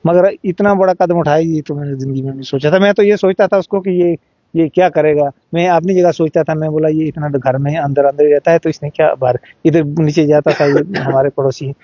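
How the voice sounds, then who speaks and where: A middle-aged father telling his story in an interview, halting and repeating words while he acts out what each person said. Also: fairly high pitch, fairly even intonation, warm tone, no room sound, muffled recording. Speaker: interviewee, father of the deceased boy. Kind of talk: emotional first-hand account in an interview.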